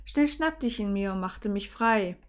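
A woman's voice: medium pitch, expressive, a little slow. A young woman reading her own fan fiction in first person, earnest, with small slips and self-corrections.

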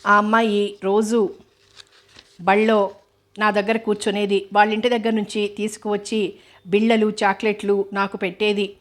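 A woman narrates an audiobook novel in a mid-range voice, reading with flat, level delivery and even, unhurried pacing.

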